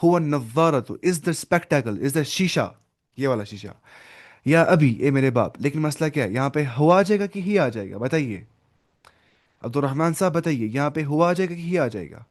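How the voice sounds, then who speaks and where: Man teaching an online class, higher voice. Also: lively intonation. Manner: explains step by step and quizzes students by name; mixes in English words. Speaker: Arabic teacher.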